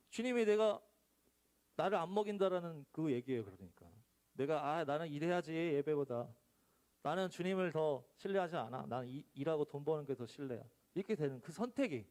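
Lively high-voiced man preaching to teens. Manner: chatty, animated, acts out dialogues in the sermon. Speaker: youth pastor. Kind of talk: casual sermon to high school students. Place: church.

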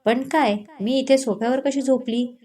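A woman voicing a quick-tongued young wife in a read-aloud romance, sharp and argumentative. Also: sits high, steady tone. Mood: irritated.

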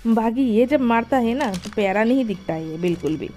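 A woman's voice: a little high, fairly quick, slight background noise. A young woman hosting a gaming channel, giving casual, chatty commentary to her viewers while she plays. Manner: chatty, excitable, talks to viewers while playing.

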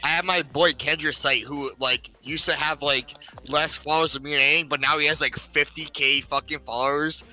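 Hyped gamer dude, bro and dude every line, really bright sharp voice. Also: male voice, a little high, poor audio. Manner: fast, profane, excitable, full of "bro" and "dude". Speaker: gaming friend. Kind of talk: casual gaming chat over voice call.

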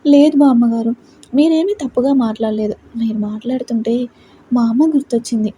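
A woman voicing a gentle, thoughtful young wife who speaks respectfully and reasons things out aloud. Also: a little high, fairly quick, slight background noise, close to an everyday voice. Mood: earnest.

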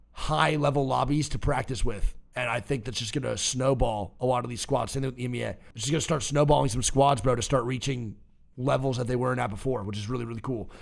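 A man giving excitable, casual live commentary while he watches an esports match, swearing now and then and laughing often. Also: mid-range voice, gravelly.

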